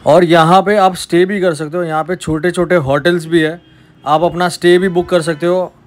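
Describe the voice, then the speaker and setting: एक युवा पुरुष ट्रैवल व्लॉगर, बाहर पर्यटन पार्क में कैमरे से बोलते हुए, उत्साह से बातें करता है और हिंदी में अंग्रेज़ी शब्द मिलाता है।. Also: male voice, sits high, normal speed. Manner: chatty, excited, mixes English into Hindi. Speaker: travel vlogger. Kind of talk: casual travel vlog.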